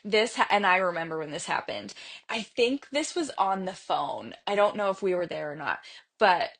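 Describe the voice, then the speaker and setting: A woman's voice: mid-range voice, normal speed. Laughing woman telling family stories. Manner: lively storyteller, laughs a lot. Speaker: podcast co-host. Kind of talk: casual chat.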